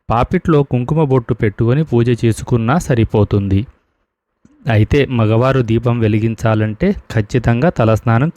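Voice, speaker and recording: A man's voice: medium pitch, warm tone, dry recording, highs cut off. A man, a spiritual teacher, giving scripted devotional instruction and steadily listing rules for worship to his viewers.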